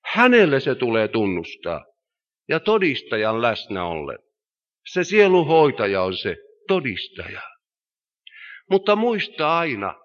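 A man's voice: fairly high pitch, a bit bright. A man preaching a sermon in style, solemn and rising to emphatic cries. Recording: reverberant hall, dull lo-fi sound.

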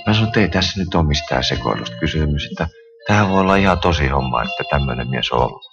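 Very deep-voiced man telling his testimony. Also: lively intonation. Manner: earnest, colloquial storytelling with a recurring stock phrase. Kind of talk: spoken conversion testimony. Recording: dull lo-fi recording with music behind.

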